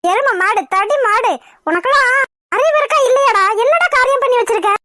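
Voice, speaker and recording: A woman voicing several cartoon women, among them a scolding mother-in-law and an angry young woman, in a sharp, scolding manner. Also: very high voice, animated, fairly quick, no echo, clean studio sound, heavily acted. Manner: sharp, scolding, shouting insults. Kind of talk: Tamil cartoon voice acting.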